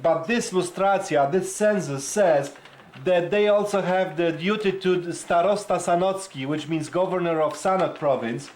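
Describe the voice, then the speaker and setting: A man's voice: sits high, normal speed, darkish tone. Eager Polish-accented man explaining. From Poland. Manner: earnest, eager, repeats "you know". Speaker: interviewer. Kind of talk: casual interview chat and explanation.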